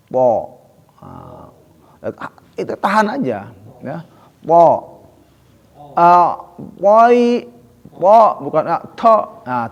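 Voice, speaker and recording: A man's voice: mid-range voice, big-room sound, dull audio. A man teaching Quran recitation, drilling letter sounds in short repeated syllables and adding cautions. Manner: cautioning, often adds "ya" and "gitu". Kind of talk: tajwid lesson with recited drills.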